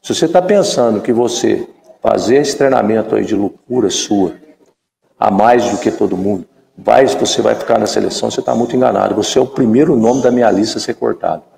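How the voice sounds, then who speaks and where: Brazilian man in his fifties, former player as guest, animated storyteller, gravelly mellow voice, echoey room with long reverb. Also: on the low side, fairly quick, slight background noise. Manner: animated storyteller who acts out quoted dialogue. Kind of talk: storytelling in a live chat.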